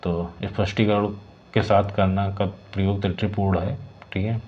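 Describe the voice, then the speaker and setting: A man teaching a Hindi exam lesson, working through practice questions and saying the corrected words slowly and repeatedly. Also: sits low, steady tone. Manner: repeats words slowly, adds "ठीक है" checks. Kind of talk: explaining exam questions, partly reading options. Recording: dull lo-fi sound with faint hiss.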